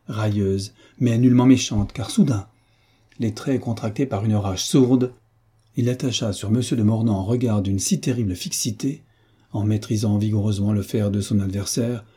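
Homme au timbre sombre, lecture de roman. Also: male voice, on the low side, dark tone, breathy edge. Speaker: reader. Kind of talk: reading a classic novel aloud.

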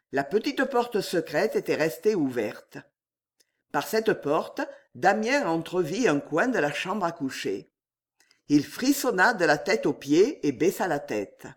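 A man narrating a novel aloud in a measured, expressive reading. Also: fairly high pitch. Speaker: audiobook narrator.

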